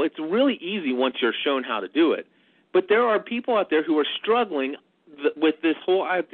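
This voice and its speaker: A man's voice: on the high side, no echo. Man, podcast consultant, punchy and rambling, tinny livestream headset audio, dry sound. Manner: rambling, animated, repeats words when restarting. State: punchy from a long nonstop broadcast. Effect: narrow lo-fi livestream headset audio. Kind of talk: live podcast panel discussion.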